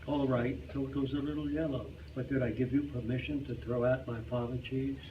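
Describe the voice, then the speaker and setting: At a reader's theater club, a man reads a scripted humorous story aloud in a live performance, his mid-range voice flat and fairly quick. The recording from the club hall is muffled, noisy and distant.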